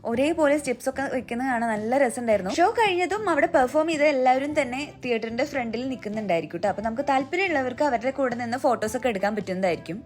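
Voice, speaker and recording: A woman's voice: a little high, animated, rapid-fire, hardly any pauses, darkish tone, soft background music. A woman narrating a travel vlog in a chatty way, mixing English words into Malayalam. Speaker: travel vlogger. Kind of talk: scripted vlog voice-over narration.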